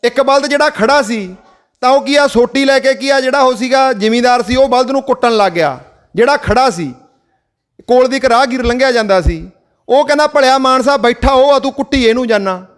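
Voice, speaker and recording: High-voiced man giving a village speech. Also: a little fast. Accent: Punjabi, Malwa. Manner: rhetorical questions, tells folk parables. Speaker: activist speaker. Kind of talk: village public address.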